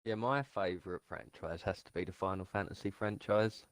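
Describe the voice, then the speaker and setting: A man's voice: sits low, brisk, no room sound. A man in casual chat on a gaming stream, talking in a hesitant, laid-back way.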